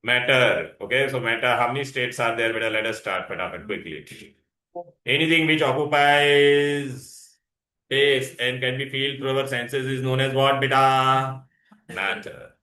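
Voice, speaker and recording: Male teacher, Indian accent, bright forceful voice, roomy echo. Question-led classroom delivery, English with Hindi words mixed in. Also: mid-range voice, unhurried. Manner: asks frequent questions, prompting for answers. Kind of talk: interactive classroom science lesson. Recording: echoey, roomy sound.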